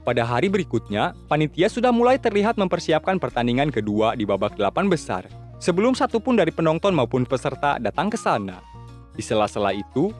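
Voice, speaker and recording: A man narrating a story in a steady, expressive retelling, closing with a goodnight. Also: on the high side.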